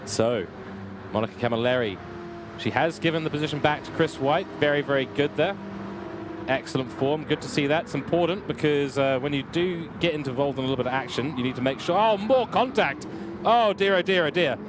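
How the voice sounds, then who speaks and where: A young man giving live commentary on a simulated car race, energetic and building excitement, his voice getting worn. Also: mid-range voice, brisk, noisy background. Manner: energetic, rising with excitement at incidents. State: losing his voice. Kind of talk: live sim racing commentary.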